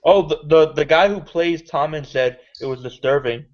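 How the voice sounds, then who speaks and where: A man's voice: on the high side, normal speed. A man in a casual review chat, adding dry, offhand remarks. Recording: muffled lo-fi recording.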